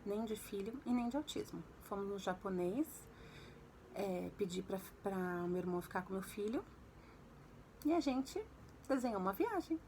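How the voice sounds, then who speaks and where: A woman's voice: expressive, moderate pace, background noise. A woman from Brazil with a Brazilian Portuguese accent, chatting in a confiding way as she gives advice to other mothers. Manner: chatty, confiding, acts out quoted dialogue with pitch jumps. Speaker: vlogger and mother. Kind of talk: casual advice vlog to mothers.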